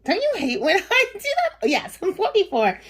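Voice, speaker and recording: A woman's voice: extremely high pitch, huge pitch swings, moderate pace. A woman in her forties chats to her viewers in a loose, rambling way, full of fillers and little laughs. She tells her story casually and keeps circling back to her point. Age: 40s. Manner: chatty, rambling, laughs often, many fillers. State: recovering from a cough and sore throat. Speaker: vlogger.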